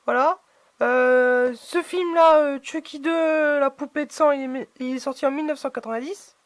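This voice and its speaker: A high-pitched woman talks through an unboxing of collectible figurines in a loose, chatty way, stopping often to search for words. Her voice is close and dry, with no room sound around it. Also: steady tone, normal speed, no room sound. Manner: chatty, hesitant, many fillers. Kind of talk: casual unboxing commentary.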